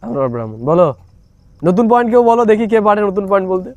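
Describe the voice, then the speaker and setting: A man's voice: sits high, big pitch swings, very fast, a little mellow, dry recording. A man teaching a spiritual class, coaxing listeners again and again to speak up and answer. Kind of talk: leading a spiritual class with questions.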